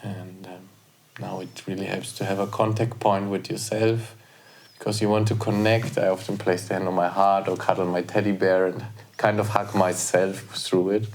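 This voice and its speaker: A man with a somewhat low voice guides listeners through a reflection, speaking earnestly and encouragingly. His tone moves between gentle reassurance and fiery affirmation. He is recorded in a small treatment room. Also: little pitch movement, normal speed, vocal fry. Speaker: podcast co-host or guest. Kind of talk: guided reflection in a casual podcast.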